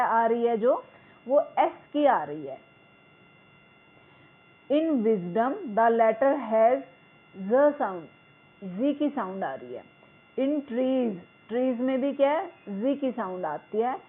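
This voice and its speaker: A woman teacher explains a school English lesson. She reads the English lines slowly and word by word, then explains them in Hindi. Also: a little high, expressive, husky. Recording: tinny phone-like sound.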